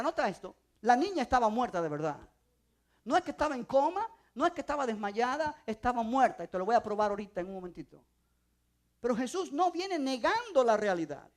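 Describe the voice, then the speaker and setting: A woman preaching a sermon in a church, emphatic and repetitive, building up to loud declarations. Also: fairly high pitch.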